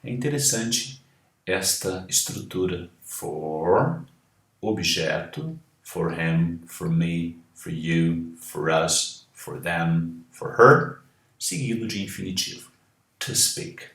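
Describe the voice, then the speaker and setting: A male English teacher with a Brazilian Portuguese accent talks through a pronunciation lesson in a low, unhurried voice. He breaks each word into sounds, spells it out and repeats it again and again. The recording has a noticeable room echo. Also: gravelly, fairly bright tone. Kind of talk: pronunciation lesson, modelling words slowly. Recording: echoey room.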